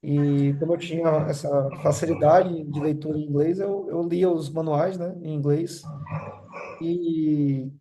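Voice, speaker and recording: Middle aged guy from bahia, bit of a high voice, rambles, says "né" all the time. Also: fairly even intonation, measured pace, a crowd in the background. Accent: Bahian Portuguese, mixed with São Paulo. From Brazil, born in Rio, raised in Salvador. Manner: rambling, tags nearly every phrase with "né?". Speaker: guest telling his life story. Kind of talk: casual online group chat.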